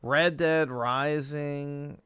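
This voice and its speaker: A man's voice: on the high side, fairly even intonation, drawn-out words, a bit bright, clean tone, no echo, studio quality. A man chatting casually on a livestream as he reacts to videos.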